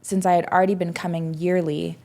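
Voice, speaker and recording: Soft-voiced young woman chatting reflectively. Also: on the low side, little pitch movement, fairly quick. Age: 20s. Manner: reflective, rambling with many fillers and restarts. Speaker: podcast guest. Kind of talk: casual conversational interview.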